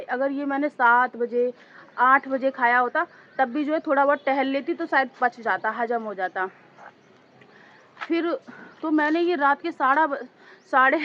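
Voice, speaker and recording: A woman vlogger with a hoarse, sore throat, chatting casually and rambling to her viewers as she records outdoors on a two-storey house with a handheld phone. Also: high voice, muffled recording. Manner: rambling, talks straight to viewers as "guys".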